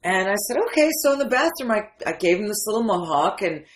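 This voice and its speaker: As an interview guest, a fifties-aged memoir writer tells her story conversationally, candid and emphatic. She came from Syria to the Detroit area, speaks English as a non-first language with an American accent, and her medium-pitched voice is animated and fairly quick, with slight background noise.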